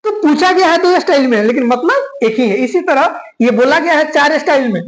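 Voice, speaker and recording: Lively woman teaching grammar. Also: high voice, fairly quick, roomy sound, poor audio. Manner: repeats key points, checks in with listeners. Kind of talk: classroom grammar lesson.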